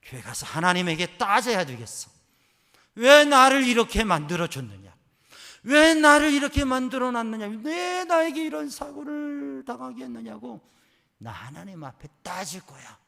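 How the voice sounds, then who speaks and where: A man quoting a young woman who was injured in an accident, in a soft, gentle voice. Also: mid-range voice, expressive, normal speed, in a large hall. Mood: bitter, protesting.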